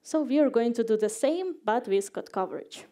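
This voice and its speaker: A woman's voice: fairly high pitch, expressive, moderate pace, mellow. A young woman from Ukraine giving a casual, playful conference talk, with lots of fillers. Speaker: conference speaker. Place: conference hall stage.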